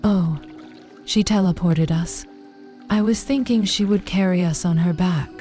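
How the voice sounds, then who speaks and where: A woman's voice: lowish voice, a little slow, mellow, natural voice. A woman playing a naive, inquisitive young night elf druid in a fantasy role-play. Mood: curious, innocent. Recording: new-age music behind.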